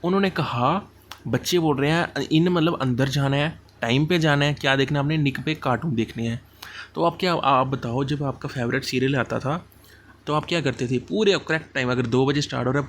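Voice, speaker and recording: A man teaches exam idioms in a relaxed, chatty lecture, mixing Hindi and English and spelling out meanings through everyday examples. His voice sits at an ordinary middle pitch. A faint hiss of background noise runs under the recording. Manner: explains idioms with homely examples, slow at English phrases.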